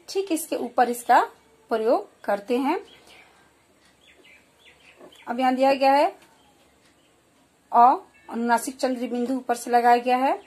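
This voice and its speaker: A woman giving a slow, clear children's lesson, explaining and repeating example words. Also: high voice, darkish tone. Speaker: primary school teacher.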